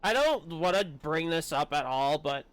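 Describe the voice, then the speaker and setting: This game streamer, a man whose voice is fairly high, very smooth and clear, talks casually and expressively at an ordinary pace with a slightly bright tone. He's hesitant and confiding, openly running himself down as he speaks.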